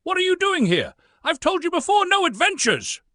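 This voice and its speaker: A man voicing a timid, frightened male hobbit in a storybook reading, with high pleading outbursts. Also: huge pitch swings, moderate pace, sharp tone, no echo, studio quality, full character voice. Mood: refusing.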